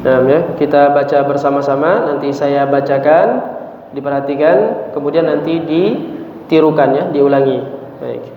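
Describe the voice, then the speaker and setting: A man teaching Quran recitation, explaining patiently and chanting verses slowly for a group to repeat, recorded in a mosque hall. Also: a little high, a little hiss or hum. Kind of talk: tahsin lesson with call-and-repeat recitation. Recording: echoey mosque hall, distant mic, tinny phone-like sound.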